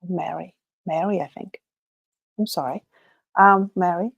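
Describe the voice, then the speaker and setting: With a fairly low, slightly rough voice, some vocal fry, and a somewhat slow pace, a Chilean woman rambles and muses on her casual solo livestream, laughing a lot and trailing off to restart. A native Spanish speaker, she has a Chilean Spanish accent; the audio is dull with no echo.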